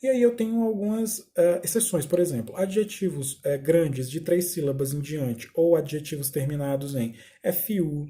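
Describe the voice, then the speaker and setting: Man, teacher, very mellow dark voice, slightly high pitch, patient and explanatory, recorded slide lesson. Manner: patient, explanatory, slows down to spell out examples; reads slide text aloud and then restates it. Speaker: English teacher.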